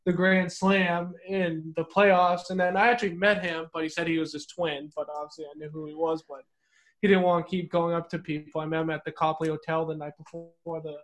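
A man's voice: fairly high pitch, little pitch movement, fairly quick. A man co-hosting a sports podcast, telling a story in an earnest, hesitant way with many fillers. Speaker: podcast co-host. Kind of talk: casual podcast chat.

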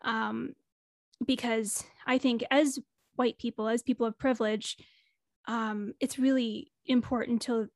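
A woman's voice: on the high side, no echo, studio quality. A woman talking as a podcast guest in a casual interview, reflective and earnest, her voice a bit worn as she is losing it. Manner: reflective, earnest, thinks aloud.

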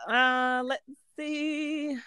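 A woman's voice: high voice, little pitch movement, drawn-out words, pushed and bright, a little hiss or hum. A woman co-hosting a podcast in casual chat, slangy and playful, laughing often. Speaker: podcast co-host.

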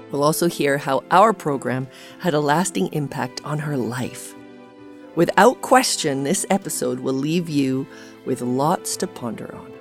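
A woman hosting a podcast, introducing her guest and chatting with her in an enthusiastic, chatty way. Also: sits low. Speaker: podcast host. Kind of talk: scripted introduction and interview chat.

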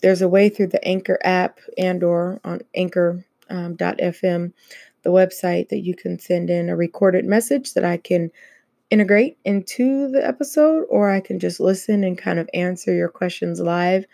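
A woman's voice: on the low side, moderate pace, gravelly, dark tone, dry recording, clean studio sound. A woman hosting her own podcast, talking casually and laughing often between many fillers. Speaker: podcast host. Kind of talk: casual solo podcast chat.

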